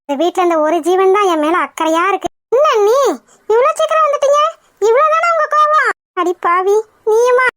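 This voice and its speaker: Super high squeaky cartoon girl, always teasing, chatty and mocking, a woman doing it. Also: lively intonation, a little fast, a bit bright, dry recording, studio quality. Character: cheeky teasing young village woman. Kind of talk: cartoon voice acting.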